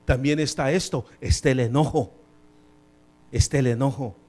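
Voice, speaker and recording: Speaking at a moderate pace in a mid-range voice, a male pastor delivers a sermon in a church sanctuary. He moves in animated bursts between loud emphasis and soft asides, now and then using English phrases.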